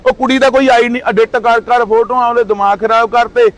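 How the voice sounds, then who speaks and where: A man's voice: very high-pitched, flat delivery, fairly quick. A man in his thirties from Punjab, India, speaking in a heated street interview with indignant, accusing outbursts.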